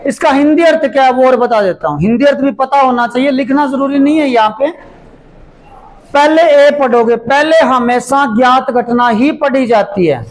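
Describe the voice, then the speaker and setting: Slow high-voiced maths teacher. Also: male voice, poor audio. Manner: slow, repeats steps as he writes. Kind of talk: classroom lesson explanation.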